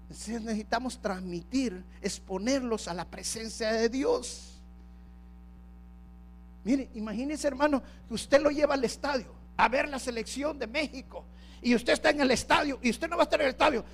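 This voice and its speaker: A male pastor preaching a sermon. He swings from quiet storytelling to shouted calls for worship and acts out the voices of church members and family. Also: very high voice, normal speed, soft background music.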